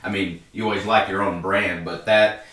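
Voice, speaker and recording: A man's voice: low voice, fairly even intonation, moderate pace, a bit bright. A man telling a rambling story in a laid-back way while he eats. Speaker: mukbang co-host. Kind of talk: casual chat while eating. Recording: echoey room, mic far off.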